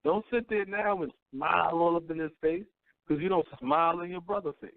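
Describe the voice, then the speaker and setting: A man's voice: a little high, fairly quick, dry recording. Profane man ranting on phone-line radio. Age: 30s. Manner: blunt, profane, preachy, keeps asking "you know what I'm saying". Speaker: radio host. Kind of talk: casual call-in radio talk. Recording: tinny phone-line audio.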